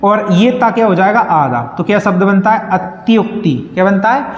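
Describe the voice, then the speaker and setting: A man's voice: sits high, lively intonation, normal speed. A man teaching Hindi spelling to students, asking questions and answering them himself, calling them "beta". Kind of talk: classroom lesson with call-and-response questions. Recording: echoey room, slightly dull sound.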